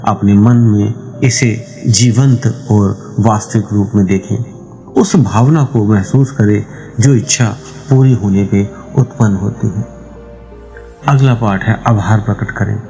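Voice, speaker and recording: A man with a lowish voice explains a meditation practice step by step, calm and measured. Faint music plays quietly under his voice. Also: poor audio. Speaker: meditation channel host.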